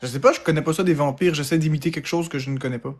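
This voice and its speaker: A man with a Québécois accent chatting casually on a live stream, quick and playful. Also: fairly high pitch.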